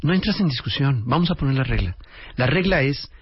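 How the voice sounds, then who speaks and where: A man's voice: medium pitch, lively intonation, a little fast, breathy edge. A man giving firm, directive parenting advice in a casual talk show. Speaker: parenting expert co-host. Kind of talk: advice chat. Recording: dry, dull lo-fi broadcast sound.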